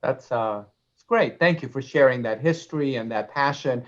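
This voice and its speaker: A man from Iran hosting an online alumni chat, his voice at a middling pitch. He reads out audience questions and thanks his guests graciously, and the video-call audio sounds dull and lo-fi. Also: normal speed. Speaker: event host and moderator.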